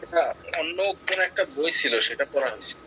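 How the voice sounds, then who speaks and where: A man's voice: a little high, animated, quick pace, sharp tone, highs cut off, slight background noise. A man, a student, giving brief polite answers to his teacher in an online class.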